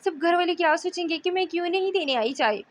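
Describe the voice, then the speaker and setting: A woman's voice: very high voice, expressive, quick pace, slight background noise. A woman voicing a shy, easily startled young wife in an audiobook novel, flustered and bashful.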